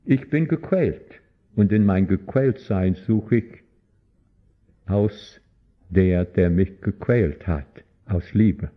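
A man preaches with passion and emphasis, his phrasing clumsy and often ungrammatical. His low voice is animated and slow, captured in a dull, lo-fi recording.

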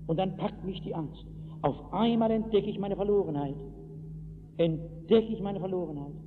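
A male pastor preaching a sermon in a large hall, telling stories vividly, acting out the dialogue and shouting at the dramatic peaks. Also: sits high, normal speed. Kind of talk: evangelistic sermon. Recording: tinny, noisy, echoey old hall recording.

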